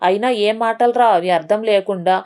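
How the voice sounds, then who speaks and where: A woman voicing an older family patriarch, gentle and formal in his speech. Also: mid-range voice, moderate pace, close to an everyday voice. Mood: puzzled.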